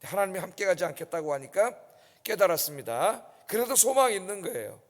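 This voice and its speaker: A man's voice: sits high, sing-song, fairly quick. A male pastor preaching an early-morning sermon, emphatic and often checking in with the congregation. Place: church sanctuary. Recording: long church reverb.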